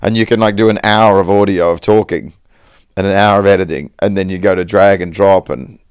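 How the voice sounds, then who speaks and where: A sarcastic man in his forties trades mock-exasperated jabs and swears freely. His voice is smooth and resonant, and the sound is dry and close, with no room in it. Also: low voice, steady tone, fairly quick, no echo. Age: 40s. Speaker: podcast guest. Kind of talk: casual podcast chat.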